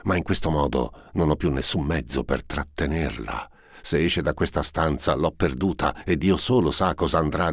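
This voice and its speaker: A man voicing a proud, vindictive prince who is quick to rage, in a haughty, scheming tone that bursts into shouting, read for an audiobook. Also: very deep voice, no echo, clean studio sound. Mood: brooding. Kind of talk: audiobook character reading.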